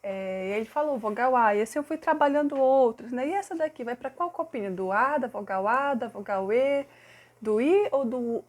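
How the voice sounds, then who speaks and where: A woman from Brazil, a literacy teacher, recounts a case study and explains it, stretching words out slowly to model syllables and vowel sounds. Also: sits high, lively intonation.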